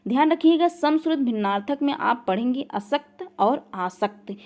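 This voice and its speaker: A woman's voice: high voice, lively intonation, moderate pace, a little mellow. A woman teaching an online grammar lesson, asking the learners questions and then answering them herself, over and over. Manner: repeats questions and makes the learner answer back. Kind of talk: online class lecture.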